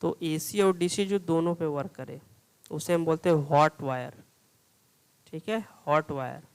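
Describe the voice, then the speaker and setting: Man, lecture style, slow, clear smooth voice, reads questions then explains. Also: a little high, low-quality recording. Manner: reads English questions slowly, explains in Hindi with repeated "theek hai". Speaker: teacher. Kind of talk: exam-prep lecture solving multiple-choice questions.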